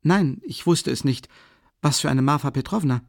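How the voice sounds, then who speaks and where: A man's voice: a little high, animated, normal speed, vocal fry, no echo, studio quality, pitched above the performer's own voice. A man voicing an earnest, eager young man in an audiobook, a bit flustered. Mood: puzzled. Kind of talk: audiobook character reading.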